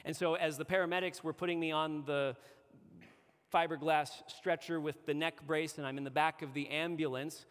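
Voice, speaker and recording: A man's voice: on the high side, steady tone, normal speed, fairly bright tone. Earnest preacher, man, long hall echo. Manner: earnest storytelling with personal anecdotes. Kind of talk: sermon.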